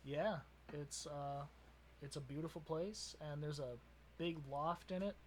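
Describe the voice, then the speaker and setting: A man's voice: a little high, unhurried, a little hiss or hum. A young man with a Wisconsin accent, co-hosting a podcast in casual chat, rambling and laughing often. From Wisconsin, USA. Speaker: podcast co-host.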